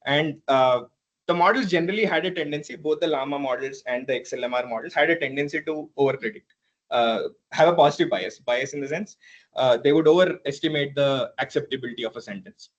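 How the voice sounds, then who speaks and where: Guy doing a phd defense, kinda high voice, halting and hedging, muffled lo-fi sound. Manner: hesitant and halting, with frequent stumbles, repeats and throat clearing. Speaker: PhD candidate. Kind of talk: thesis defense presentation.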